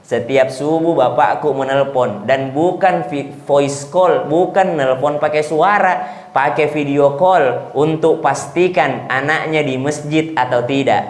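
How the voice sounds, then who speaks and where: Preacher, male, bit high voice, lively sermon style, roomy mosque echo. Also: takes it slowly. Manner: lively, chants Arabic verses, asks the congregation questions. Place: mosque hall. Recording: echoey mosque hall.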